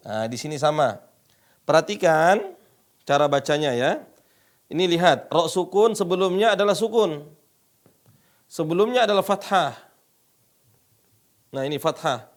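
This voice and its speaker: A man teaching Quran recitation, patiently repeating each phrase and drawing out the model readings for his students. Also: sits high. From Indonesia.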